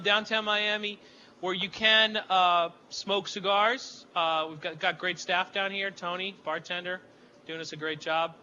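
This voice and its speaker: Radio host, man, high and very bright voice, rambling jokey chat from a club remote, slightly dull sound. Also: a little hiss or hum. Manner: loose, rambling, joking. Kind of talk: casual on-air chat. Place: downtown club, live remote broadcast.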